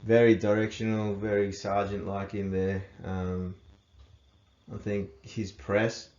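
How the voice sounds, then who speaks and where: A man co-hosting a casual rugby chat, laid-back and quick to agree. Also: on the low side, flat delivery, darkish tone. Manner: laid-back, agreeable, many short affirmations. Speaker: rugby coach and podcast co-host. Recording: echoey room, dull lo-fi sound.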